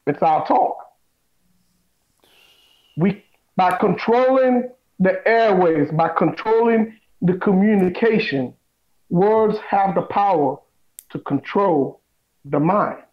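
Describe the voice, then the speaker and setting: A man speaking as a guest in a talk, preaching in an emphatic way and slowly repeating his key lines. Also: sits high, animated. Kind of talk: preachy conversation. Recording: dull lo-fi sound.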